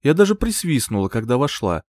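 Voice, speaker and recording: Guy reading a fantasy audiobook, really animated delivery, dry close sound. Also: mid-range voice, fairly quick, no echo. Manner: expressive, lively reading. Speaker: audiobook narrator. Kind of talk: first-person audiobook narration.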